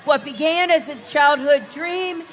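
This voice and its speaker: A woman's voice: high voice, a little slow, soft background music. A woman announcing horse teams live in the showy manner of an animal show presenter.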